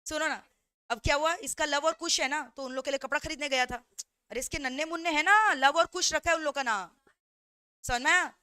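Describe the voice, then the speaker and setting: A woman law teacher giving an animated revision lecture through stories, mixing in English phrases and constantly checking that students follow along. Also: high-pitched, a little fast, no room sound, clean studio sound.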